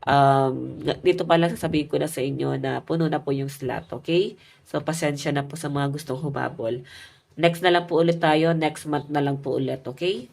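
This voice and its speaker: A tarot reader gives a casual love reading, chatting straight to her viewers and calling them guys. Her voice is low, steady, creaky and darkish at a normal speed, stuffy and nasal from a cold, with slight background noise.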